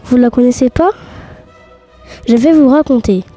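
A woman's voice: fairly high pitch, normal speed, mellow, faint music behind, lightly acted. A woman voicing a proud goddess of wisdom and war who teases her listeners. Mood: cheeky. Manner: cheeky, teasing the listeners. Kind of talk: reciting a mythology monologue.

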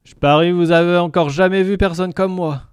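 A man's voice: sits high, steady tone, moderate pace, smooth, no echo, clean studio sound, voice pushed up, natural voice. A man voicing a big, chatty male alien cook who gurgles and loves to talk. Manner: gurgling, talkative.

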